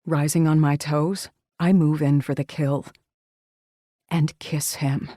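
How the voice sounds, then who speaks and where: A woman narrating a first-person romance audiobook with wry, expressive storytelling. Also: low voice, takes it slowly, dry recording, clean studio sound.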